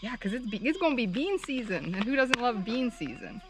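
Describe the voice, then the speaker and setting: A woman's voice: on the high side, big pitch swings, a little fast. A woman in her thirties, a farmer chatting casually for her vlog outdoors, rambling and laughing easily, picked up by a camera a few steps away. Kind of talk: casual chat. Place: outdoor farmyard. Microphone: camera mic from a few steps away.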